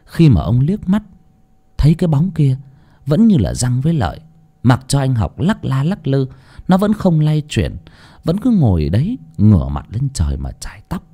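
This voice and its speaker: A man narrating a ghost story as a scripted audiobook reading, with an expressive, dramatic delivery. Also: mid-range voice, normal speed.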